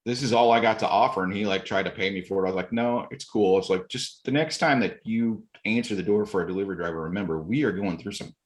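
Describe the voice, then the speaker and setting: A man telling stories in a relaxed podcast chat, acting out quoted exchanges with bursts of energy. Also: fairly low pitch, fast talker, hardly any pauses. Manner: animated retelling, acts out quotes, occasional laughs. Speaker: podcast guest. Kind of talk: casual storytelling.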